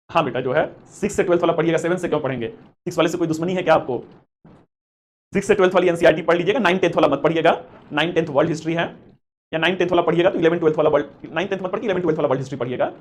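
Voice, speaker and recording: A man's voice: fairly high pitch, very fast, pauses often. A man teaching history to exam students in a live class. He is chatty and encouraging, calls students beta and mixes in English terms. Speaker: history teacher for civil service exam coaching. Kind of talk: live online class with chat questions.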